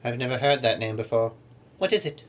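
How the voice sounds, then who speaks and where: A man's voice: medium pitch, expressive, a little fast, close to an everyday voice. A man doing a snobby bookish boy bird. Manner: aloof, bored, condescending.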